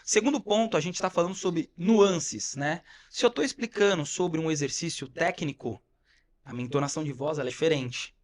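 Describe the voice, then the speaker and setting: A man with a slightly high voice and a Brazilian Portuguese accent walks through coaching advice point by point. He talks casually, often checking in with "né?". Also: brisk. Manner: explains step by step, frequent "né?" and "tá?". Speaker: podcast co-host, fitness coach. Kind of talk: casual instructive podcast talk.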